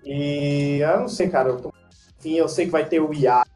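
A man with a somewhat high voice, chatting about films with eager excitement and frequent laughs. His voice rings out in an echoey room, with faint music playing underneath. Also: moderate pace. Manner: enthusiastic, laughs often. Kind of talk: casual movie chat.

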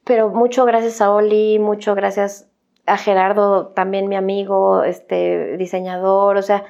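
A woman's voice: mid-range voice, little pitch movement, a little slow, vocal fry, darkish tone, muffled recording. A woman with a Mexican accent telling her personal life story in a candid, conversational way, often adding little tag questions. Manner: candid and conversational, with frequent "o sea" and "¿no?" tags.

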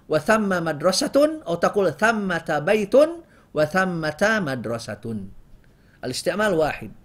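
A man teaching Arabic grammar, explaining slowly, reciting verse lines and repeating example phrases. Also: high voice. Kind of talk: classroom grammar lesson.

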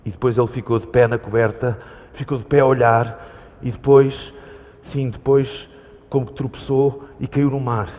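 A man's voice: medium pitch, fairly even intonation, normal speed, a little mellow, lightly acted. An actor with a European Portuguese accent plays a frightened man at sea, searching for his lost companion in an urgent, repetitive, pleading voice. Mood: haunted recounting. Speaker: actor in a staged reading. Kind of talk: staged theatre reading. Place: theatre hall. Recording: live stage reading in a reverberant hall.

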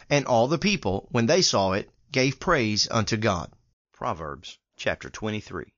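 A man reading scripture aloud in a steady, measured way. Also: fairly low pitch, no echo. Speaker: Bible reader. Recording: dull lo-fi dry recording.

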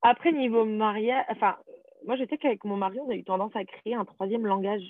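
A woman's voice: mid-range voice, fairly quick, dry recording. A French-speaking woman in casual conversation, chatty and full of fillers, telling stories from her own life. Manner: chatty, storytelling, many fillers. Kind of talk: casual chat. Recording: tinny phone-like line.

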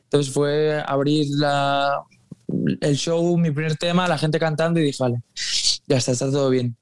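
A man's voice: a little high, normal speed, clear, resonant tone, no echo. Easygoing man talking about his music. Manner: relaxed, easygoing, colloquial. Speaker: singer guest. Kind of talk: casual interview chat.

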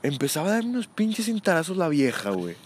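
A man's voice: a little high, big pitch swings, fast talker, slight background noise. A young man with a Mexican accent telling crude, slangy stories in casual chat, acting out the voices of people in them. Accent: Mexican Spanish.

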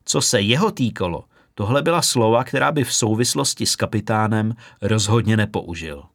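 A man's voice: fairly low pitch, no echo, clean studio sound. A man reading a novel aloud as audiobook narration, telling the story expressively. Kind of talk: scripted narration.

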